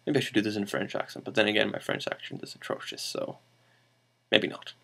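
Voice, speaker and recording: A man's voice: fairly low pitch, sing-song, quick pace, gravelly, pushed and bright. A man hosting a show and telling an improvised comic story, rambling, correcting himself and making playful asides.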